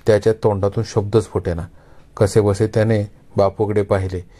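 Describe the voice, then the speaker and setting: Low-voiced male storyteller. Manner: measured, expressive narration. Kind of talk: Marathi kathakathan storytelling.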